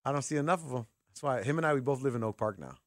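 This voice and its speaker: Speaking at a racing pace, this medium-pitched male sports radio host spins casual stories in a radio studio and performs the characters' lines with animation. The sound is clean studio quality with no echo.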